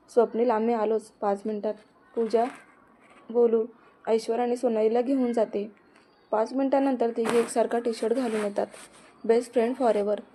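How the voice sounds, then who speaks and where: A woman's voice: on the high side, warm tone, slight background noise. A woman narrating a romance story, reading the characters' dialogue in her own voice.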